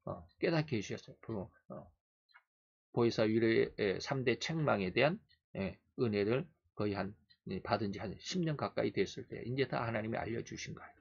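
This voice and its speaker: A man preaching a sermon as pastor, surging loud on key words and then dropping to quiet, reflective asides. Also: on the low side, lively intonation, normal speed, gravelly, husky. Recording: dull lo-fi recording.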